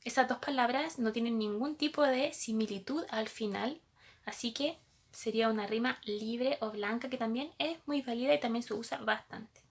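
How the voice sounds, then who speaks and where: A woman's voice: a little high, moderate pace, breathy edge. A woman teacher, patiently explaining a lesson to young pupils and asking them questions as she goes.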